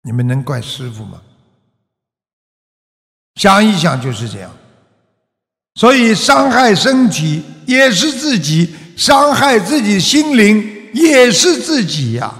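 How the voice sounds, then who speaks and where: A man preaching a Buddhist sermon as a master, full of rhetorical questions and drawn-out "ah" particles. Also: high voice, big pitch swings, fairly bright tone, big-room sound.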